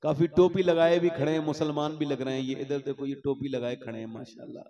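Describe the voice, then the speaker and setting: A man preaching a sermon at a public gathering, acting out dialogue and rising to shouts, and chanting verses in a drawn-out sung style. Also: fairly high pitch, little pitch movement, highs cut off. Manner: impassioned, building to shouts, acts out dialogue. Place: outdoor religious gathering. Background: crowd.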